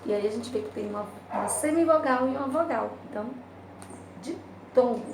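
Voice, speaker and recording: A woman's voice: a little high, creaky. Brazilian woman teacher, patient, echoey room. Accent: Brazilian Portuguese. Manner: patient, checks in with tag questions, spells out syllables slowly. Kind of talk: remote class lesson, explaining grammar exercises. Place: home room, recorded for a remote class. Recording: roomy, distant home recording with loud background noise.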